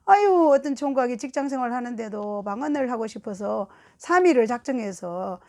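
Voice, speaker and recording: Woman preacher telling a story from the pulpit, acts out all the voices, a bit high-pitched. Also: brisk. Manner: animated storytelling, acting out dialogue. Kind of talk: sermon testimony.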